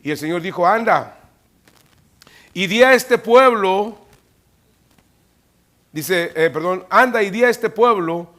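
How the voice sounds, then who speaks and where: A pastor preaching a sermon in a church, animatedly acting out Bible dialogue with loud rising peaks. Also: male voice, high voice, expressive, takes it slowly, long pauses.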